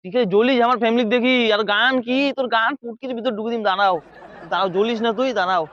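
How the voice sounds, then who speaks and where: Man playing a high-pitched, quarrelsome old town drunk. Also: steady tone, racing, dull audio, a crowd in the background, noisy background. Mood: angry. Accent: North Bengal. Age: older. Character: stubborn, hot-tempered, ageing village drunk father-in-law. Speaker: comic actor. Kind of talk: village comedy skit acting.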